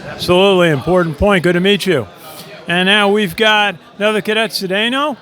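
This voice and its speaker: A man with a high, bright voice conducts casual interviews at an event. He pauses often with "uh" and answers each reply with quick praise. His delivery is friendly but halting. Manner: hesitant, many "uh" fillers, brief praise. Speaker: interviewer and video host.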